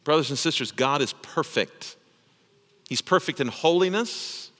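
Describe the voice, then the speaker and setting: Man, pastor, sermon, bright and forceful, slightly high, long church reverb. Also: a little slow. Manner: emphatic, repeats phrases for stress.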